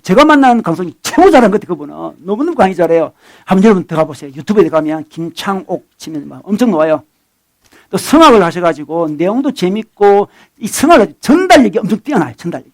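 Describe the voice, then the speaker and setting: A middle-aged man preaching a sermon as a pastor, conversational and animated, swinging between loud bursts and soft asides. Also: high-pitched, quick pace. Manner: acts out dialogue with his son.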